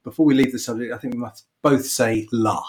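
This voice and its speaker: A man's voice: mid-range voice, steady tone, a little fast, darkish tone. Male interviewer in casual conversation. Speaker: interviewer, host.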